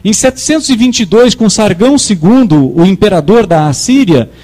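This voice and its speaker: A male preacher delivers a sermon in a high, animated voice with a dark tone and moderate pace. He speaks emphatically and leads the congregation in call-and-response, asking them to repeat his words back to him.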